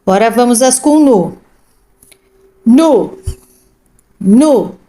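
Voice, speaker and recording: A woman's voice: fairly high pitch, animated, drawn-out words, warm tone. A woman teaching reading to children, sounding out syllables and repeating each word twice, checking in often with "tá?". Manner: instructive, frequent "tá?" and "ó". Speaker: literacy teacher. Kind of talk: tutoring lesson, reading syllables aloud.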